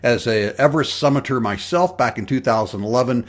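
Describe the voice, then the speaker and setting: A man's voice: mid-range voice, brisk. A man, a mountaineer, giving a friendly, sincere video greeting.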